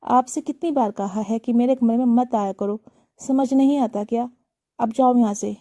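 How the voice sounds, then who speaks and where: Woman doing a shouting, contemptuous daughter-in-law, dark mellow tone, dry sound. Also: on the high side, moderate pace, no room sound, natural voice. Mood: scolding. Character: harsh scolding young daughter-in-law.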